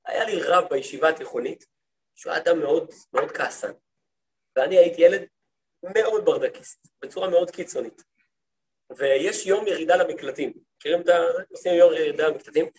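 A rabbi teaching a class for women, a man telling stories in a lively way and often turning to his listeners with questions. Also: on the high side, a little hiss or hum. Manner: lively storytelling, acts out quoted speech; talks to the listeners, asks them questions. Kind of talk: lecture to a women's study group.

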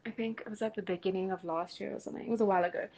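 A young woman, co-hosting a relaxed podcast chat, upbeat and quick to laugh, full of "like". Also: medium pitch, rough recording. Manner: giggly, upbeat, filler-heavy. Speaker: podcast co-host. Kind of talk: casual chat.

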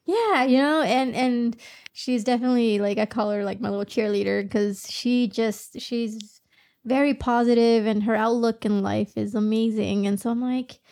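A woman in her thirties with a fairly high voice co-hosts a podcast in a relaxed, animated chat. She laughs often and drops a casual curse now and then. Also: moderate pace. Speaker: podcast co-host.

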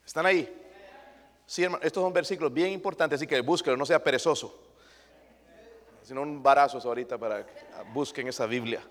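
A man's voice: medium pitch, a little fast, long pauses, big-room sound. A male pastor preaching a sermon emphatically, throwing rhetorical questions at his congregation.

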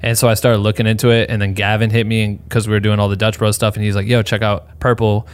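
A man's voice: lowish voice, level tone, very fast, smooth. A young man hosting a podcast, chatting casually and rambling in slang, laughing often. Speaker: podcast host. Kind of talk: casual podcast chat with ad read.

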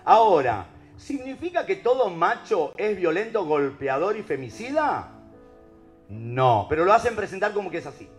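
Preaching at a moderate pace, a man with a Rioplatense Spanish accent keeps asking his audience rhetorical questions. His voice sits a little high and swings widely for emphasis, with faint soft music in the background.

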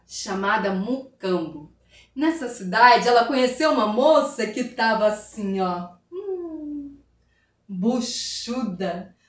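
A woman storyteller with a high voice tells a folk tale with dramatic swings, calling out to her listeners. The sound is roomy and echoing, with the mic set some way off. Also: fairly bright tone. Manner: dramatic, addresses listeners often. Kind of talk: oral folk tale telling to an audience. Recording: roomy, from a distance.

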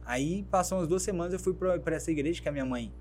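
A Brazilian man who founded a fashion brand tells his life story as a guest in an interview, speaking fast in a voice on the high side. He's an animated storyteller who acts out the voices of the people in his tale.

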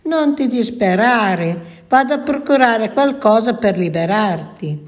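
A woman voicing a small, kind wild male rabbit who comforts his friend in a soft, reassuring tone, in a children's storybook reading. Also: on the high side, lively intonation, slow.

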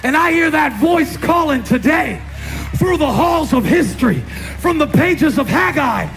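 A man with a notably high voice delivering a sermon from the pulpit, pounding out repeated lines in rhythm and building up into shouts. soft music sits quietly underneath. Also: expressive, unhurried, gravelly. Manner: rhythmic preaching with repeated phrases, rising to shouts. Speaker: pastor.

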